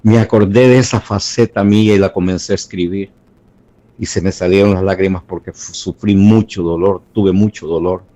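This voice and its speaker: Shaken older Salvadoran man, halting. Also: deep voice, fairly even intonation, warm tone, dull audio. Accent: Salvadoran Spanish. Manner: halting, repeats words, shaken. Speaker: witness giving testimony. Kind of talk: emotional personal testimony.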